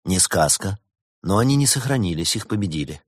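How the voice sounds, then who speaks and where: A man voicing a secretive, amused male adventurer in a storybook reading, in a lightly raised, lively voice. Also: sits low, fairly quick, no room sound, studio quality. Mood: amused, explaining.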